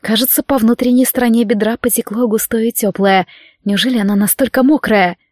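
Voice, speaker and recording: A woman narrating a romance audiobook in an even, steady reading voice. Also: on the high side, brisk, no echo, studio quality.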